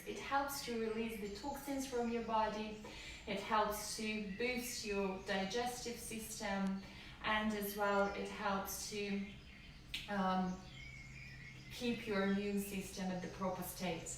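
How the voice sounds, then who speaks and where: In a live-streamed yoga class, a woman teaches from a room at home, her slightly high voice slow, calm and gently guiding. The camera recording her sits at a distance, leaving her voice far from the mic in an echoey space with faint background noise.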